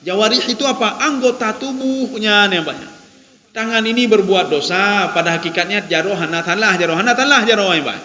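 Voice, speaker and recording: A man with an Acehnese accent preaches in a relaxed, conversational way and keeps turning to his listeners. His voice sits high for a man. The sound rings through a large mosque hall with a long reverb tail. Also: normal speed, a little hiss or hum. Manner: peppers lines with direct address to listeners, repeats phrases. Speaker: Islamic preacher. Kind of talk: conversational sermon.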